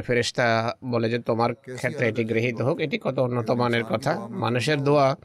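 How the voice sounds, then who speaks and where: A man preaching a sermon in a steady, flat delivery that barely rises or falls. He speaks in measured, exhortative phrases and pauses over his words, with an occasional stumble and restart. His voice sits at an ordinary middle pitch for a man. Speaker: religious speaker.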